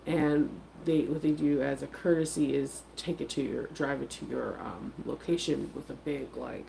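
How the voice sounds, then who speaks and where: A middle-aged woman, a vlogger and craft vendor, chats casually to her viewers in the morning, sounding congested from a head cold. She rambles with many fillers in a bass, gravelly, dark voice at a moderate pace. The poor audio carries slight hiss or hum.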